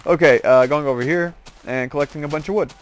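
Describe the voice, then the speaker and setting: A man with a fairly high-pitched voice talks at a quick pace as host of a gaming series, offering loose, rambling game commentary that slips into joking asides. Background noise and clicks come through clearly.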